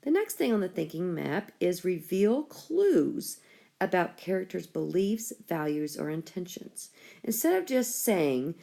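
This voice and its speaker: A woman's voice: lowish voice, very animated, measured pace, creaky, warm tone. A woman schoolteacher explaining a writing lesson to her class step by step. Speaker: school teacher.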